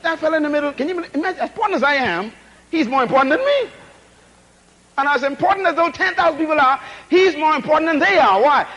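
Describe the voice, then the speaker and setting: A man delivers a sermon at an animated, quick pace, calling on the congregation to respond and hammering his points home with repetition and rhetorical questions. He swings between shouted emphasis and low asides, often dropping his voice between loud bursts.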